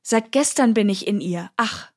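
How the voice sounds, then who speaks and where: A woman's voice: mid-range voice, unhurried, darkish tone. A woman voicing a possessed young girl who answers a priest with defiant, sullen retorts.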